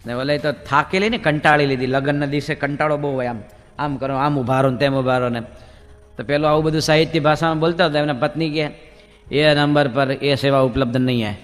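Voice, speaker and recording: Soft music plays in the background as a monk with a fairly high voice talks fast through a funny sermon in a big hall. He tells jokes and brings characters to life in animated storytelling.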